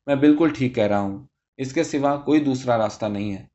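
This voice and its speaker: Man voicing a young lover, soft, reassuring, persuasive, slightly higher voice, muffled recording. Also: close to an everyday voice. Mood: tender.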